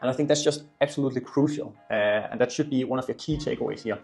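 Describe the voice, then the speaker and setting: A Danish man in his twenties, a YouTuber and e-commerce entrepreneur, tells his story casually to camera in native Danish with a Danish accent. His medium-pitched, darkish voice is fast with vocal fry, and he speaks earnestly and emphatically, repeating words for stress, over faint music.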